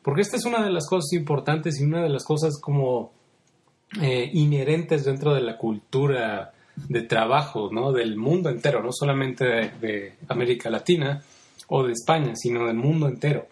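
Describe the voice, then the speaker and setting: A man hosting a motivational podcast, talking in a conversational way and tagging many sentences with a questioning "right?". He tells stories with quick voiced asides. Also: medium pitch, darkish tone. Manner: conversational, frequent rhetorical "¿no?" tags. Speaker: podcast host.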